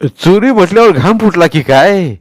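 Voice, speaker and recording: A man voicing a gruff, loud old village landowner who teases and shouts at boys. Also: animated, normal speed, no room sound, clean studio sound. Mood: booming teasing. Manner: booming, teasing, shouting.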